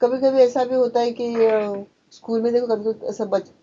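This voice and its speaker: A woman's voice: fairly high pitch, steady tone, moderate pace, warm tone, slight background noise. A woman teacher reading a play aloud to students and explaining it, raising her voice for the dialogue. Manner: reads dialogue with raised dramatic voice, then explains plainly. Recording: dull lo-fi sound.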